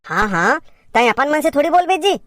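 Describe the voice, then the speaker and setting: A woman's voice: sits high, very animated, normal speed, fairly bright tone, dry recording, clean studio sound. A woman with a Chhattisgarhi accent performing a comedy sketch as a bossy teacher who scolds and directs her pupils.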